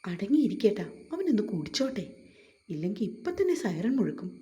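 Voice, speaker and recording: A woman's voice: mid-range voice, sing-song, a little fast, mellow, natural voice. A woman voicing a young new mother who playfully scolds her husband. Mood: scolding.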